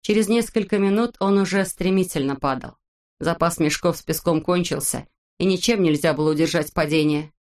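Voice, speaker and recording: A woman narrating a children's storybook in a fairly low, clear voice. Her reading is expressive and unhurried.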